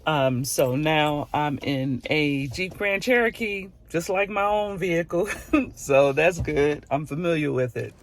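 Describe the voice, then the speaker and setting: A man in his fifties from the United States, vlogging casually about his travels in an unhurried, chatty way and repeating his exclamations. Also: fairly high pitch. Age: 50s. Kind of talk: casual travel vlog talk. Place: inside a car on a road trip. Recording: steady car and road noise behind.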